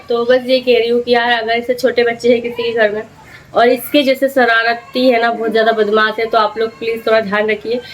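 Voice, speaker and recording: A young woman, a mother, chatting casually to camera in a home vlog and telling her story with lots of fillers. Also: fairly high pitch. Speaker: vlogger, mother.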